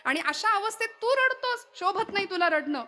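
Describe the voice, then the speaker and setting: High-voiced woman giving a devotional kirtan. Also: animated, normal speed, bright, forceful tone. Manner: dramatic storytelling, voices figures' cries, breaks into chant. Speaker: kirtan performer. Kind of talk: devotional kirtan discourse with sung verses.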